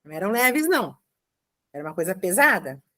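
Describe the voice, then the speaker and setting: A woman giving a commented Bible reading, explaining slowly with frequent checking asides. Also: mid-range voice, very animated, fairly bright tone. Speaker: Bible teacher.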